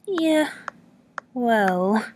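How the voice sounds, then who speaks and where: A woman's voice: a little high, animated, very slow, a little hiss or hum, voice pushed up. A woman reading the lines of a young woman traveler who answers briefly and hesitantly.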